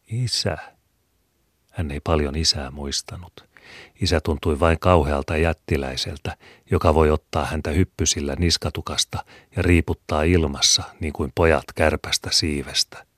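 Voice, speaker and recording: A man narrating a classic story in a measured, even reading. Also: very deep voice, no room sound, studio quality.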